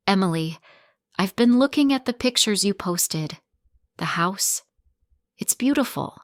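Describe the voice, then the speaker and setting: A woman voicing a middle-aged mother in a storybook narration, speaking softly and hesitantly with a warm pride. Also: medium pitch, expressive, measured pace, no room sound, studio quality, close to an everyday voice. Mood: soft proud. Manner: soft and hesitant, then warmly proud.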